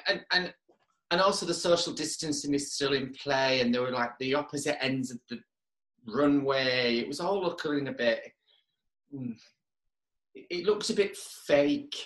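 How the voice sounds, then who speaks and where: Guy guest on a podcast, mid pitch, echoey room, just chatting. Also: a little slow, a bit bright. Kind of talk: casual podcast chat.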